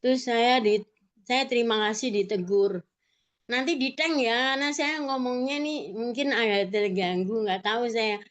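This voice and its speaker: A middle-aged woman pours out a personal testimony in a rambling, fervent way, acting out the conversations she remembers. Her voice sits fairly high. She is speaking over a video call. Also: moderate pace. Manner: fervent, rambling, acts out quoted dialogue. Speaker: participant sharing a testimony.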